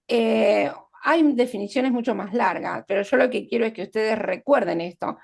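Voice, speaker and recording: A woman's voice: a little high, normal speed, vocal fry, a little mellow. A woman teaching literature in an online class, explaining literary devices step by step with examples and checking in with her students.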